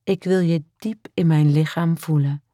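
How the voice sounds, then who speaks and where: A woman voicing a shy but passionate young woman in love, speaking softly and from the heart in an audiobook. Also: sits low, steady tone, measured pace, no echo, clean studio sound. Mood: loving. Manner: soft and heartfelt. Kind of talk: audiobook character voice.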